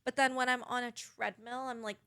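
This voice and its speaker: A young woman, a pop singer guest, talking softly and hesitantly with many fillers. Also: on the high side, flat delivery, a little fast, crowd noise. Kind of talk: casual interview chat.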